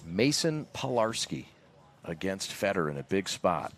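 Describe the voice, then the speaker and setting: A man's voice: sits low, very animated, a little slow. A man doing live baseball play-by-play outdoors at the field, in an informal, conversational manner with loose asides. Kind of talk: live sports commentary.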